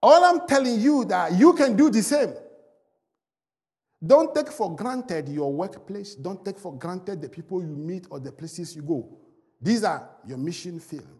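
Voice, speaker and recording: Emphatic preacher, high voice in a big hall. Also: male voice, animated, unhurried, darkish tone. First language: French. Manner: emphatic, rising and falling delivery. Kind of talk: sermon with testimony. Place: large church hall.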